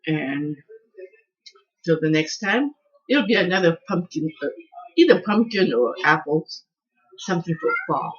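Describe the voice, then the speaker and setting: A woman's voice: lowish voice, big pitch swings, unhurried, long pauses. A woman home cook in a casual cooking video, chatting as she tastes and often restarting her words. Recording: dull lo-fi sound.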